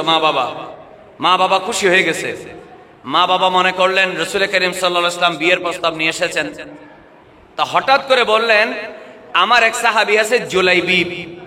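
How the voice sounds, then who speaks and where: A man preaching a sermon, calling out questions for the crowd to answer and breaking into chanting and shouts. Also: high-pitched, in a large hall, slight background noise. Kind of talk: Bengali waz sermon.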